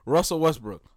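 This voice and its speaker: A young man hosting a casual chat, animated, laughing often and repeating himself. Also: on the high side, no room sound, clean studio sound. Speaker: podcast host.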